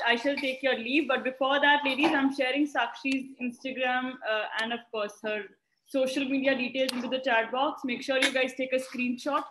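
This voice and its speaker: A woman with an Indian accent giving polished hosting remarks on a video call. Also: fairly high pitch. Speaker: session host. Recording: echoey video call, faint noise.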